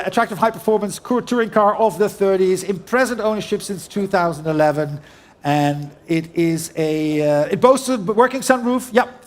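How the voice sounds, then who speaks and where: A man working as an auctioneer, speaking formally and courteously as he calls a live sale with rhythmic, repeated figures. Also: high voice.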